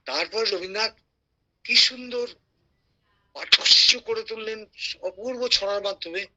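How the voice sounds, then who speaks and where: A man giving an animated lecture, slowing down to recite rhymes with clear, careful pronunciation. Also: high voice, poor audio. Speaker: guest speaker.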